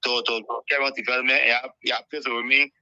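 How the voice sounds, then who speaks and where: A Liberian man phones in to a talk show, his voice very bright and forceful. He is earnest and repeats phrases as he builds his argument, and the dull, lo-fi call takes the edge off the sound. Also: mid-range voice, level tone, rapid-fire, smooth. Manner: earnest, repeats himself while making a point. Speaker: caller.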